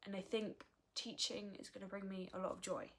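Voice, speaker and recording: A woman's voice: mid-range voice, flat delivery, fairly quick. A woman, talking frankly and earnestly in a personal vlog. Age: early 20s. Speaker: vlogger. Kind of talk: candid personal vlog talk.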